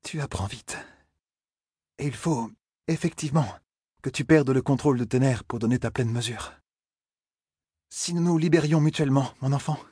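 A man's voice: mid-range voice, moderate pace, long pauses, warm tone, breathy edge, dry recording, studio quality, natural voice. A man voicing a stern, powerful older woman who leads an order of sorceresses, with a cool, condescending and mocking manner.

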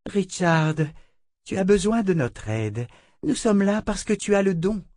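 A man's voice: sits high, very animated, a little slow, a little mellow, dry recording, studio quality, pitched above the performer's own voice. A man voicing a stern, insistent woman of a magical religious order in a storybook reading, speaking with cool gravity. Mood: solemn, placating. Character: stern female sister of a sorcerous order.

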